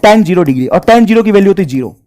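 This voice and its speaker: Male math teacher, animated sing-song delivery, drills points by repetition, fond with students. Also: high-pitched, rapid-fire. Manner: addresses students fondly as children. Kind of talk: classroom lesson.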